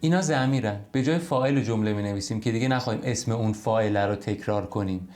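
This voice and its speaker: A man's voice: fairly low pitch, darkish tone, soft background music. A man teaching a recorded online language lesson, explaining each point patiently and step by step. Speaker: English teacher.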